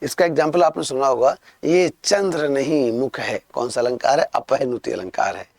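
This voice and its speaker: A man's voice: mid-range voice, moderate pace, gravelly, a little mellow, dry recording. A young man teaching spelling for an exam, explaining patiently and repeating key points to his students. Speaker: Hindi exam-prep teacher. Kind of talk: online exam-prep lesson.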